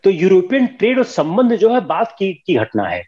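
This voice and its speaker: A man's voice: high voice, wildly swooping pitch, normal speed, mellow. An older man teaching a history class, firm and scolding, switching between Hindi and English. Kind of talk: classroom lecture. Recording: dull lo-fi classroom recording.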